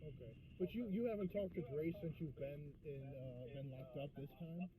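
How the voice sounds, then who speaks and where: A man's voice: on the high side, normal speed. A man on a prison phone call, casually asking questions as the caller. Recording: distant prison call with loud crowd noise.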